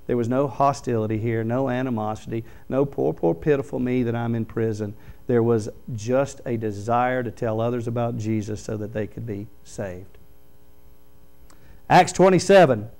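Middle-aged man preaching from a pulpit. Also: clear, resonant tone. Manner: preaching with wide swings from loud emphatic lines to quiet low ones. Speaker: pastor. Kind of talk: sermon. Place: small church hall, indoors. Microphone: podium microphone.

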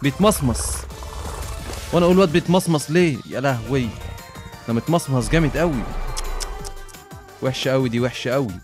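A man with an Egyptian Arabic accent talks through a game in quick, excitable bursts, swearing and throwing in English phrases. His pitch sits in a middle register, and faint game music plays behind him. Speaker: gamer. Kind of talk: gaming commentary.

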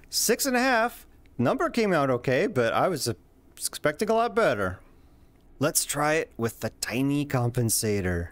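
Playful commentator with very lively pitch. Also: no echo. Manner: playful, exclaiming, swearing at slips. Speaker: host of a video game weapon showcase. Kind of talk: casual, jokey gameplay commentary.

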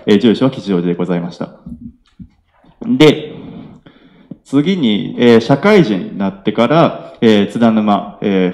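A man in his late twenties with a Kansai accent, giving a polite self-introduction at a local meetup, often pausing on filler sounds. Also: on the low side, mellow, muffled recording. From Nara, Japan. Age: 20s. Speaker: young entrepreneur presenter. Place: event hall with audience.

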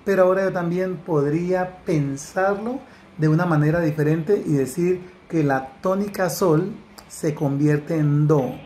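A man's voice: on the high side, mellow, slight background noise. A man teaching a solfège lesson, explaining exercises step by step and singing note names and rhythm syllables. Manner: slow, deliberate explanation, breaking into sung syllables and counted beats. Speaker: music teacher.

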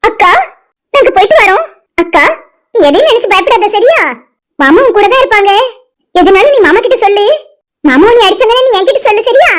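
A protective cartoon mother, voiced by one performer, pitched far up with a firm, coaxing Tirunelveli Tamil delivery. She talks steadily and reassuringly. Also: animated, a little fast, long pauses, a bit bright. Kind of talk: cartoon voice acting.

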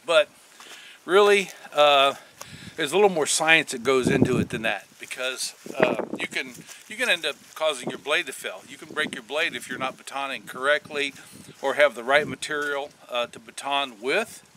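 An older man hosting a casual outdoor bushcraft tutorial, talking in a relaxed, rambling way with many fillers and restarts, filmed outdoors in winter. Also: medium pitch, normal speed. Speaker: bushcraft channel host. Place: outdoors in a snowy rural yard in winter. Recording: loud wind and outdoor noise.

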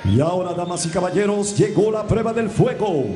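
A middle-aged man announces from the ring like a lucha libre announcer, switching languages with booming showmanship. His voice is pitched high and echoes through a noisy arena, with words stretched out and then rattled off. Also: lively intonation, mellow. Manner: booming showman delivery with drawn-out words and rapid runs. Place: boxing ring in an indoor arena. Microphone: handheld microphone. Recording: echoey arena PA with crowd noise.

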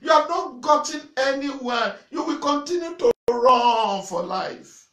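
A middle-aged man preaching to camera, repeating phrases and breaking into loud shouts. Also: extremely high pitch, a little slow. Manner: forceful preaching with repetition and sudden loud shouts; waves arms and gestures while preaching. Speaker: pastor. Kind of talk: sermon to camera. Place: small indoor church room in front of a banner. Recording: echoey room.

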